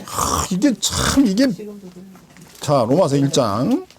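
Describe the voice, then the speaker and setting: A woman's voice: huge pitch swings, takes it slowly, darkish tone. A woman pastor preaching a sermon in a church, telling a personal testimony with emotion and acting out the lines she quotes. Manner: emotional storytelling, swinging pitch, acting out quotes.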